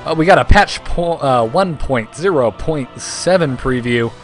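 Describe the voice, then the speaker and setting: A man's voice: medium pitch, expressive, a little slow, over music. A man hosting a casual gaming news podcast, joking and laughing often while he reads patch notes aloud. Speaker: host.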